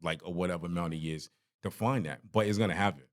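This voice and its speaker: A podcast host in his forties chats casually with an interview guest, trading laid-back, slangy banter. His voice sits low and he talks fast.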